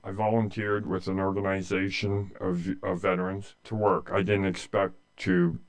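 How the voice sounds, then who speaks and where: A low-pitched man in his late sixties speaks flatly at a moderate pace. He is from rural eastern Ontario with a Canadian accent, a humanitarian aid volunteer telling his own story in an interview, earnest and plain-spoken.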